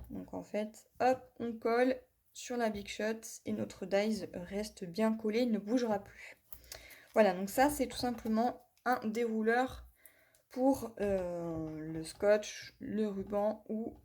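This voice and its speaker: A woman's voice: medium pitch, takes it slowly, darkish tone. A woman reviewing a craft tool in a hands-on demonstration, talking viewers through each step and apologizing for her English pronunciation. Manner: chatty, talks viewers through each step with many "voilà" and "hop".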